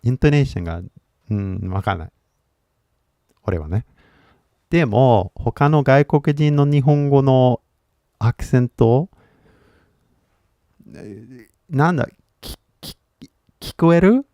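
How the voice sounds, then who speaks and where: A man's voice: medium pitch, lively intonation, takes it slowly, pauses often, mellow, no room sound. A man who is a native English speaker, chatting casually on a livestream as an English teacher, rambling and switching between Japanese and English with frequent laughter.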